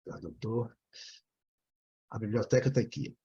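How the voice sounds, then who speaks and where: A Brazilian Portuguese-speaking man teaching an English class online, explaining at length and ending nearly every phrase with a quick "né?". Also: medium pitch, fairly even intonation, mellow, dull audio.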